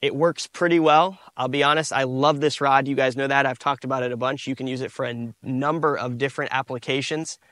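A man, giving a relaxed outdoor fishing tutorial from a boat on a lake, recorded on a lapel mic. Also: mid-range voice, a little fast, few pauses, no echo. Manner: relaxed, repeats "again" and "you guys". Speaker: fishing instructor.

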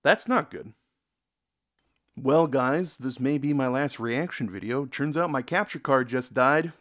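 Speaking at medium pitch with a fairly bright tone, this young man from the United States moves a little slowly. He rambles through a casual reaction video in a dim room, repeating himself and reading out comments.

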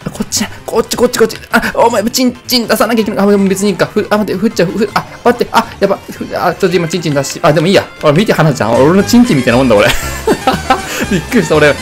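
A young man doing casual let's-play commentary, rambling and joking while reacting loudly to the race. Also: high voice, animated, very fast, few pauses, faint music behind. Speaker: gameplay commentator.

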